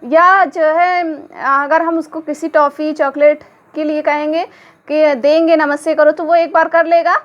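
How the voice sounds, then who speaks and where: Teacher, female, high voice, lecture delivery, dull lo-fi sound. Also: flat delivery, measured pace, few pauses. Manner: explanatory, poses questions then answers them. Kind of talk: exam-prep lecture. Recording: dull lo-fi recording.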